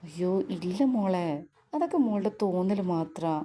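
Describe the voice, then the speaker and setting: A woman's voice: lowish voice, moderate pace, dark tone, slight background noise, lightly acted. A woman voicing a kind, doting mother-in-law who soothes and reassures. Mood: soothing. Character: kindly doting middle-aged mother-in-law.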